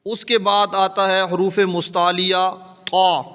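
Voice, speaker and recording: A man teaching Quran recitation step by step, patiently explaining each letter and then sounding it out slowly. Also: high-pitched, flat delivery, pushed and bright, smooth. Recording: long echoing reverb.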